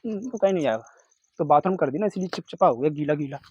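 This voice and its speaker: A young man rescuing a snake outdoors at night, murmuring low and soothing words to calm it while he explains to onlookers. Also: fast, breathy edge, lo-fi sound. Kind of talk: narrating a live snake rescue.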